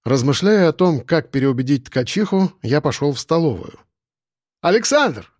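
A man's voice: on the high side, lively intonation, normal speed, darkish tone, dry recording, clean studio sound. A man reading a first-person audiobook as narrator, in a wry, matter-of-fact way.

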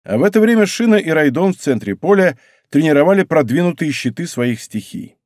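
A man reading a story aloud as narrator, with an expressive reading style. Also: fairly high pitch, brisk, no echo, clean studio sound. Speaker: audiobook narrator. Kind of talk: scripted narration.

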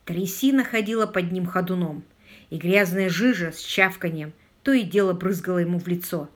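A woman reading a mystery novel aloud, with expressive narration. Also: on the low side, normal speed. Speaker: audiobook narrator. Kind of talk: audiobook reading.

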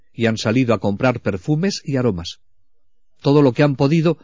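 A man giving a spiritual retreat talk as a preacher, reflective and slow, dropping into hushed tones at times. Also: medium pitch, dry recording. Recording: dull, lo-fi, dry recording.

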